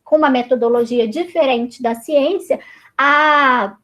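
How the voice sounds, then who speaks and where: Speaking from home on a video call through her computer's mic, a teacher with a Brazilian Portuguese accent runs an online reading circle discussion. Her voice is high and a bit bright, her pace a little slow, and her talk chatty, full of fillers and restarts.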